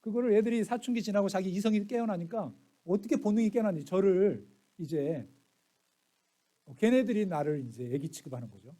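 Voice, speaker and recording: A middle-aged male pastor preaching, his voice pitched high for a man yet mellow and warm in tone. He tells stories and acts out the lines of others, dropping to near hushes and rising to loud bursts. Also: animated, a little fast. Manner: storytelling, acts out family quotes, swings soft to loud. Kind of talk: sermon.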